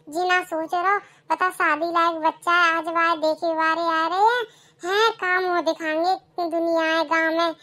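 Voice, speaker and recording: A woman's voice: very high-pitched, a bit bright. A woman voicing an ashamed, lamenting middle-aged village mother in a cartoon. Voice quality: complaining, lamenting. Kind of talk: cartoon dialogue.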